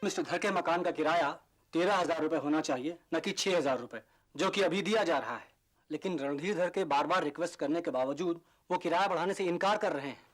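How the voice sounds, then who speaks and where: A man's voice: fairly high pitch, brisk, faint music behind, lightly acted. An actor playing a lawyer arguing his client's case formally in court. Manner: formal, argumentative.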